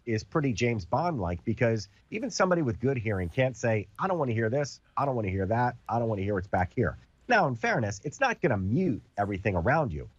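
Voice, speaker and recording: This TV host demonstrating a product is a man with a cold whose voice sounds congested, lowish and breathy at the edges. He keeps the demo casual, using everyday comparisons. The recording has no room sound and is muffled.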